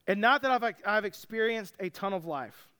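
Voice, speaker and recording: A man's voice: high voice, lively intonation, moderate pace, bright, forceful tone, clear, resonant tone. A young man preaching a sermon as pastor, casual and joking as he tells the story.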